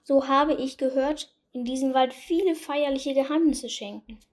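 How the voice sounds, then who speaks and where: A woman's voice: high voice, moderate pace, darkish tone, pitched above the performer's own voice, natural voice. A woman voicing a small, naive, curious star in a storybook tale, talking with eager wonder. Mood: delighted.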